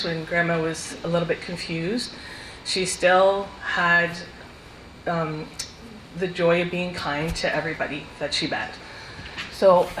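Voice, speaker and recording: Soft-spoken woman in an echoey hall. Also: fairly low pitch, a little hiss or hum. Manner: soft-spoken, warm and fond, with light laughter. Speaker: family member giving a eulogy. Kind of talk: funeral speech with anecdotes. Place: funeral hall. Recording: echoey hall with faint ambience.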